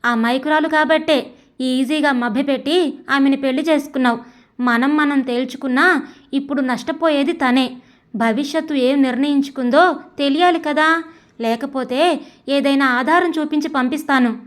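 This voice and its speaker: A woman voicing an angry, proud wife who speaks in sharp, accusing lines in an audio story. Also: sits high, normal speed, close to an everyday voice. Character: angry proud wife confronting her husband. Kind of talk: audiobook character voice.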